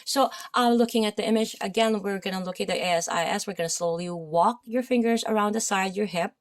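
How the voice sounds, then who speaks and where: A woman with a Filipino accent teaching a massage therapy lesson, reading from a textbook with loud and soft stretches and chatty asides full of fillers. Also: medium pitch, fast talker. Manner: reads aloud, then adds loose asides with many fillers; loud reading voice that rises and drops.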